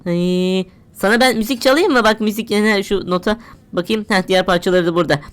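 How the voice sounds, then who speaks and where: A woman commenting casually as she plays a horror game, chatty and quick to exclaim and swear playfully. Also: mid-range voice. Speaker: gamer. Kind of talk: let's play commentary.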